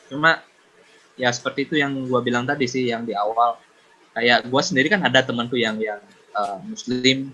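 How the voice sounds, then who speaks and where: A man speaking as a podcast guest, reflective and pausing often with fillers. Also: mid-range voice, pushed and bright. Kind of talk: casual podcast discussion. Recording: dull lo-fi sound.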